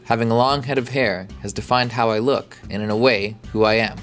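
A man reporter reading a scripted voice-over in a calm, reflective way. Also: medium pitch, fairly quick, soft background music. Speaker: reporter narrating his story.

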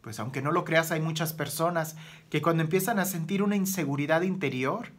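A man, a priest giving a gospel homily, talking earnestly and asking many rhetorical questions. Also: a little fast. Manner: earnest, rhetorical questions, swings between raised emphasis and soft low phrases.

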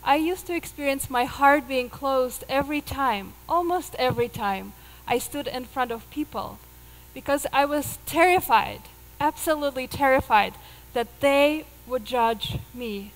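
A Russian woman in her thirties with a high voice and a Russian accent tells a personal story earnestly and a little slowly from a theater stage, miked with a headset. This live stage talk is captured in low quality, echoing through a large hall.

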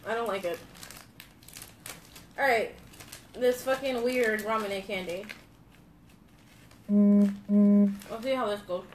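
A woman's voice: mid-range voice, fairly even intonation, slow pace, pauses often, recorded from a distance. A young woman hosting a casual live candy review, talking bluntly and swearing freely. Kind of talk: casual live-stream chat. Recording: echoey room, a bit off-mic, faint noise.

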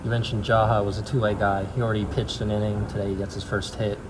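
A man's voice: lowish voice, little pitch movement, fast talker, slight background noise. A man, a sports reporter, putting questions to a coach at a postgame press conference.

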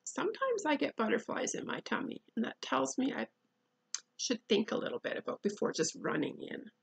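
A woman reading a picture book aloud to a child, pausing to ask gentle questions and dropping to whispers. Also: a little high, huge pitch swings, creaky, breathy edge, low-quality recording.

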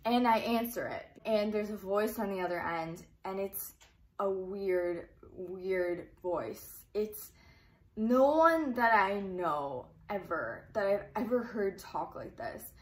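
A woman's voice: medium pitch, lively intonation, takes it slowly. A young woman telling a personal story in a casual, chatty way, full of fillers. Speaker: YouTuber.

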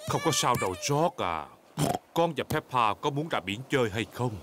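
A man's voice: medium pitch, sing-song, moderate pace, heavy background noise, natural voice. A man voicing a good-natured, confident but bumbling father pig in a children's cartoon, breezy and reassuring. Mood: cheerful, reassuring. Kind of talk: animated children's cartoon dub.

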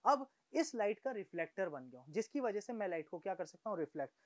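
A male science teacher giving a demonstration lesson. He talks straight to the viewer in a lively, coaxing way, asking questions and answering them himself. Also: high voice, quick pace. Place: room he darkens and lights for the demonstration.

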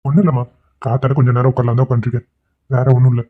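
A man's voice: medium pitch, fairly even intonation, very fast, slightly rough, lightly acted. A man voicing a weepy middle-aged drinker, tinny. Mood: sorrowful. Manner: pleading, tearful lament. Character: remorseful middle-aged man who drinks, self-pitying. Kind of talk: cartoon drama voice acting. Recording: tinny phone-like sound.

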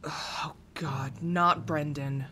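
A woman's voice: low voice, steady tone, very slow, heavy background noise. A woman playing a wry, no-nonsense police lieutenant in an audio drama, sardonic and assertive. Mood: wry, brisk.

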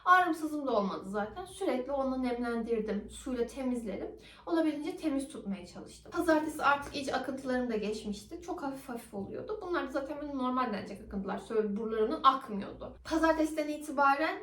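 A young woman vlogger telling a personal story in a casual, animated way, acting out the dialogue. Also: high-pitched, fast talker, recorded from a distance, a little hiss or hum. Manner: animated, acts out quoted dialogue. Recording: roomy echo, somewhat off-mic.

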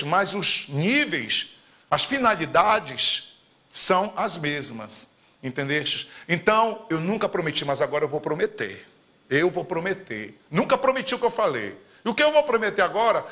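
A high-pitched, bright-voiced man in his fifties with a Paraense Brazilian accent, talking in a live-streamed campaign chat. His delivery is fiery and emphatic, jumping from loud proclamations down to muttered asides. He gestures broadly as he talks, recorded in a studio. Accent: Paraense Brazilian Portuguese. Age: 50s. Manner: emphatic and fiery, swinging between loud declarations and low asides. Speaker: politician hosting a live Q&A. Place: indoor studio in front of a green screen.

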